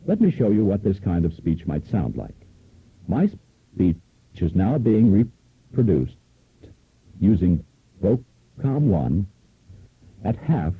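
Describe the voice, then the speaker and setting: A man's voice: deep voice, slightly rough, narrow, tinny audio. A man giving scripted promotional narration for a product demo, heard from an old, worn cassette tape copy from the early 1970s.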